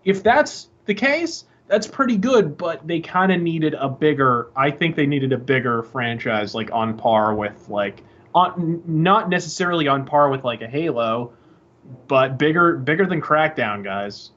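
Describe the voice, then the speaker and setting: A man co-hosts a casual podcast about the game industry, rambling and swearing as he frequently restarts sentences while hunting for words. His voice is a little high and a bit bright, with lively intonation and an unhurried pace, captured on lo-fi audio.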